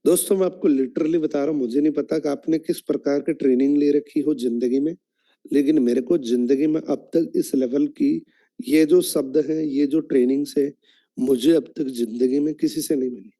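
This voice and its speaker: A man's voice: on the high side, fairly even intonation, moderate pace, mellow. A man running an online training meeting, explaining his point in an instructive way and asking the audience questions.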